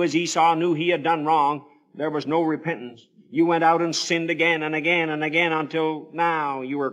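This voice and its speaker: Slightly high and fairly bright, this man's voice carries a dramatic evangelistic sermon over the radio. He recounts Bible stories in archaic, formal scriptural language, sounding solemn, pleading and theatrical.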